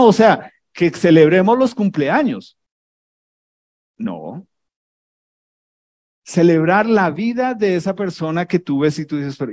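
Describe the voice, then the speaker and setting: A male pastor delivering a sermon with a fairly high voice. He teases his listeners and keeps throwing rhetorical questions at them. His delivery is animated and conversational.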